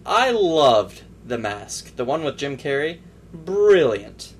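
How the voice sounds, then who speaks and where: A man's voice: fairly high pitch, very animated, takes it slowly, slight background noise. A man co-hosting a casual podcast, listing bad movies and giving brief, matter-of-fact replies. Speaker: podcast co-host. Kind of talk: casual chat about movies.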